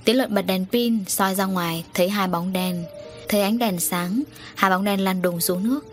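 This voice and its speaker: A woman's voice: medium pitch, normal speed. Woman narrating a story over faint music.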